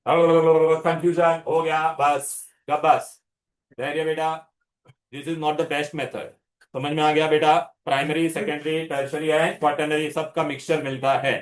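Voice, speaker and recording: A male chemistry teacher giving a classroom lecture, constantly coaxing students with questions and mixing in English terms. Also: fairly high pitch. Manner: mixes Hindi with English terms.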